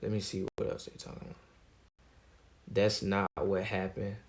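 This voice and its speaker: A man on a livestream talks in a calm, laid-back way, never raising his voice. His speech is slangy and casual, and his voice sits somewhat low. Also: moderate pace. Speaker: streamer.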